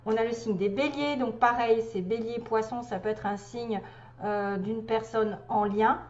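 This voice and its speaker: A woman's voice: a little high, fairly even intonation, measured pace, darkish tone. A woman doing a casual tarot card reading for viewers, thinking aloud and chatty as she turns each card. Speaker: tarot reader. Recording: echoey room, dull lo-fi sound.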